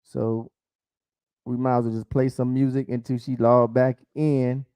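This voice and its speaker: A man's voice: medium pitch, little pitch movement, measured pace, mellow, clean tone, no room sound. A man hosting an online dating show in a casual, informal way, often repeating his phrases. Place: online video call.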